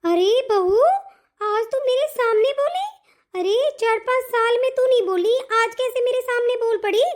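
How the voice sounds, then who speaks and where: A woman's voice: extremely high pitch, moderate pace. A woman voicing a bossy mother-in-law. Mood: scolding. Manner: sharp, commanding, nagging. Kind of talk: animated family story voice acting.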